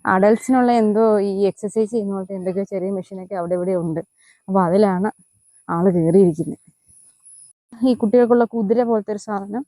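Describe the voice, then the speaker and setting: A woman's voice: medium pitch, fast, dark tone, dry recording. A young woman from Idukki with an Idukki Malayalam accent, chatting enthusiastically in a vlog from an outdoor nature park. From Idukki, Kerala. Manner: chatty, enthusiastic, talks to her child between remarks. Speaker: vlogger. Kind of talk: casual vlog talk.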